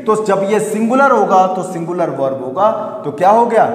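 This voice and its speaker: A man's voice: high voice, expressive, normal speed. A man teaching an English grammar lesson, spelling words letter by letter and quizzing his students with a fatherly tone. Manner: calls listeners "beta" in a fatherly way. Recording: echoey room reverb.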